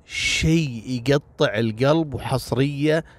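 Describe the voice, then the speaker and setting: A man's voice: medium pitch, a little slow. A man narrating a story casually, speaking straight to his listeners with moral asides. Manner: chatty, addresses listeners directly with moral asides.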